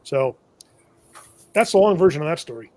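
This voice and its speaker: Talkative male shop vendor, slightly high voice, rambling anecdote with wry chuckles. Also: animated, normal speed, dark tone, a little hiss or hum. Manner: rambling, self-correcting, chuckles at own misfortune. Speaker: shop owner and tool vendor. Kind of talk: casual storytelling on a live show.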